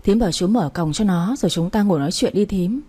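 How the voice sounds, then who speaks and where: A woman reading a sharp-tongued sister-in-law. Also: mid-range voice, fast talker, husky, close to an everyday voice.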